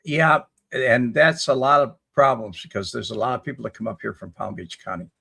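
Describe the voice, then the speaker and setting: Gravelly-voiced man in his seventies. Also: medium pitch, brisk, sharp tone. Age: 70s. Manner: rambling, folksy, reads comments aloud then replies. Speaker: livestream host answering chat. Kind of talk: casual live chat reading viewer comments.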